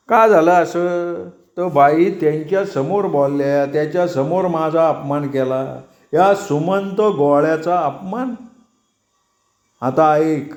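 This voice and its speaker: A man voicing a drunk, aggrieved middle-aged male party worker who rants in rustic, self-pitying speech. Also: fairly high pitch.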